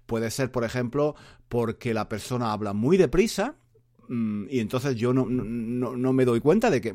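A man's voice: mid-range voice, darkish tone. A man from Spain with a Spanish accent hosting a casual podcast lesson, rambling and repeating phrases, with many fillers and tag questions. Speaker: podcast host and Spanish teacher.

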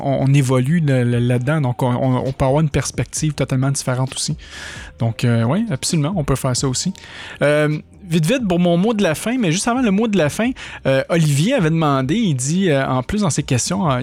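A man with a Québécois accent hosting a podcast from a studio, talking in a chatty, rambling way with lively jumps in pitch. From Quebec. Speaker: podcast host. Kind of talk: casual podcast chat.

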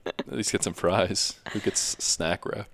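Young guy cohost, very deep voice, laid-back jokey, dry close mic. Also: steady tone, measured pace, creaky, a bit bright, no room sound. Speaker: podcast co-host. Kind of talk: casual chat.

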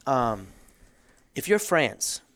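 Man, mid-pitched voice, casual history chat, explanatory, joking asides. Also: very animated, drawn-out words, fairly bright tone.

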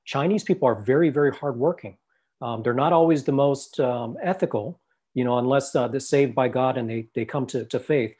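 A husky-voiced man from the United States, talking in a middle-pitched voice as co-host of a faith discussion. He is earnest and often repeats his opening words as he gets going. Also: brisk, darkish tone. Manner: earnest, stammering repetitions.

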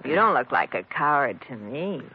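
A teasing flirtatious wife. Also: female voice, very deep voice, sing-song, moderate pace, a little hiss or hum. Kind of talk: 1950s radio drama acting. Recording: dull old radio broadcast.

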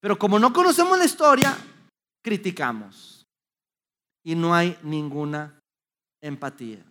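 Man, middle-aged, motivational speaker, sharp bright tone, animated storytelling. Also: high-pitched. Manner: animated storytelling with many restarts. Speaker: youth speaker. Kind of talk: motivational talk to an audience.

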